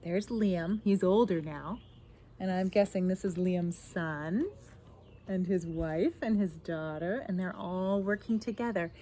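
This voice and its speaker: A woman in her thirties sits outside in a garden reading a picture book aloud for kids, teacher-fashion, with expressive stress on key words and asides about the illustrations. Her voice is fairly low and warm, a little slow, with a touch of hiss or hum in the recording.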